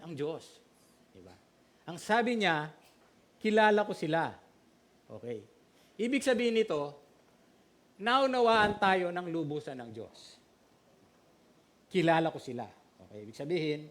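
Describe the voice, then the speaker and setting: Man, pastor, sermon, fairly high voice, very lively intonation, rhetorical questions.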